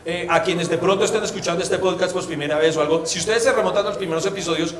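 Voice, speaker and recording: A man's voice: sits high, fast, a crowd in the background. A man with a Colombian accent co-hosting a comedy podcast, telling stories and mimicking his friend in a teasing way. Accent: Colombian Spanish. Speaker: podcast co-host. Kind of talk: casual comedic podcast banter. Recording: roomy sound with audience laughter.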